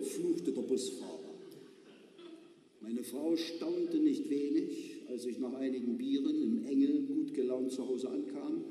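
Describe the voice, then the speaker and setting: Man from East Germany, dry understated reading, very dark mellow voice, echoey church, far-off mic. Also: mid-range voice. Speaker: author reading his own stories. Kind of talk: live reading of a humorous story. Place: large church.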